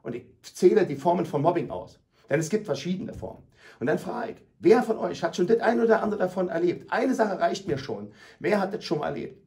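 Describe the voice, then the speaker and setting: A middle-aged man tells his stories with a stage speaker's force, loud and dramatic, acting out each scene. His voice sits a little high for a man. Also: lively intonation, fairly quick. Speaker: anti-bullying speaker visiting schools. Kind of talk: emphatic storytelling in a radio talk.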